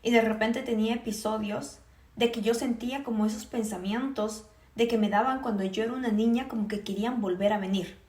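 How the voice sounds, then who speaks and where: A woman's voice: a little high, steady tone, fairly quick, darkish tone. Earnest young woman, echoey room. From Puerto Rico. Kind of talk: personal faith testimony.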